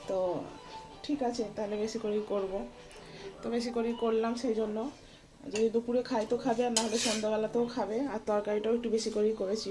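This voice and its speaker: A woman in her thirties narrating a casual home vlog as a mother, chatty and full of fillers, often speaking softly indoors. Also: mid-range voice, rough recording. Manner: chatty, filler-heavy, talks softly at times so the baby keeps sleeping. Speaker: vlogger and mother. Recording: home recording with clear background noise.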